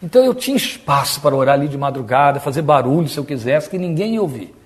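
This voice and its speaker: A man's voice: on the high side, expressive, fast talker. A Brazilian man preaching a Bible study in a conversational way, sometimes mimicking stiff, pompous prayer voices. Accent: Brazilian Portuguese. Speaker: pastor.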